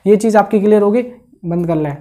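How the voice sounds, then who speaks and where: A YouTube host running an exam-update channel talks rapidly, his voice high, soft and mellow. He explains casually, coaching-style, covering each point more than once and dropping in frequent checks that listeners understand.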